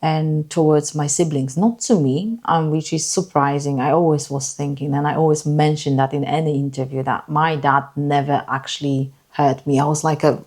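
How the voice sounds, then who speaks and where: Low-voiced woman sharing her story. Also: fairly even intonation, a little mellow. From Poland. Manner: earnest, halting, repeats words. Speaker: guest. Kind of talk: personal story in a podcast interview.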